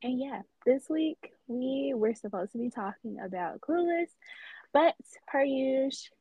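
A woman's voice: high voice, lively intonation, unhurried, mellow, slightly rough, muffled recording. A woman co-hosting a podcast in casual chat, teasing and giggly, loose and informal. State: tipsy from wine. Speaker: podcast co-host.

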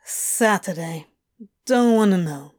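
A woman's voice: mid-range voice, expressive, darkish tone. Woman doing a drowsy, grumbling demon husband. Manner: drowsy, grumbling, slow drawl.

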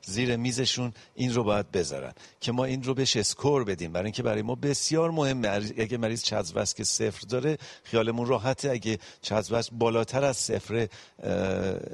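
A man giving a medical panel lecture on cardiology, explaining step by step with frequent pauses and English medical terms mixed in. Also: mid-range voice, creaky, no echo. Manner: mixes English medical terms into his speech.

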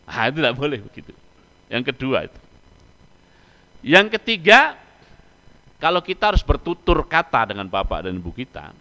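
A man's voice: medium pitch, dull audio. A man preaching a sermon, quizzing his listeners with rhetorical questions and answering them himself. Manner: animated, rhetorical questions to the audience. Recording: long hall reverb.

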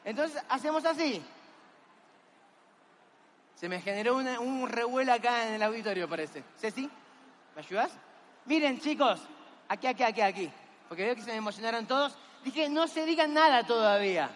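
A man's voice: extremely high pitch, expressive, moderate pace, pauses often, fairly bright tone, long reverb tail, slight background noise. A man giving a motivational talk in an auditorium, coaxing and exhorting the audience with energy. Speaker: motivational seminar speaker.

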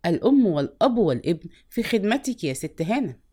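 A woman voicing a gruff young working husband, speaking curtly and firmly as she reads a story aloud. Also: medium pitch, sing-song, fast talker, warm tone.

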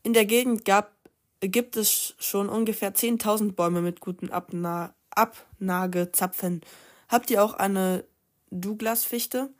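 A woman's voice: medium pitch, unhurried, lightly acted. A woman reading a novel aloud, voicing the cheeky teenage boy narrator who is a puma shifter, with an indignant lift in her voice. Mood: teasing.

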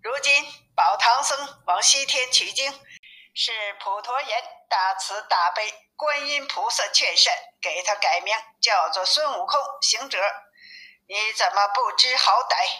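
A woman's voice: mid-range voice, bright, forceful tone, poor audio. A woman reading as a stern dragon prince. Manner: scolding, commanding. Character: stern young male dragon prince commander. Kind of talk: storybook reading.

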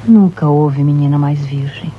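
An actress playing a placating, well-off wife and mother who smooths over her husband's rudeness. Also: sits low, normal speed, phone-quality sound, slight background noise, lightly acted. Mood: soothing.

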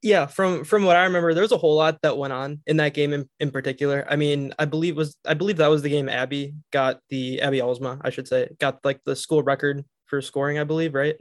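A man's voice: on the high side, fairly even intonation, no room sound, clean studio sound. Nasal young man hosting a podcast. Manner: halting, many fillers and restarts, laughs a lot. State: nasal from a cold. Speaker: podcast host. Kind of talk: casual sports interview.

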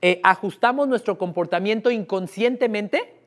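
A man's voice: high voice, moderate pace. A man with a Mexican accent running a live sales workshop, asking the audience frequent questions. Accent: Mexican Spanish. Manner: lively, asks the room questions often. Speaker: sales trainer.

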